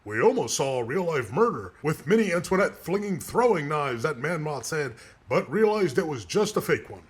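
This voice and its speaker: A brash circus fight announcer from a homemade audio drama, voiced by a man. His voice is husky and fairly high, and it swings widely in pitch as he recaps the action. He snaps back quick retorts at his co-host. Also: big pitch swings. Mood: announcing.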